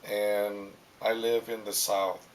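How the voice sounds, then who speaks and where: A middle-aged man from Vietnam, recalling his youth in an oral history interview, in a halting way full of ums and uhs. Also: fairly low pitch, flat delivery, a little hiss or hum, poor audio.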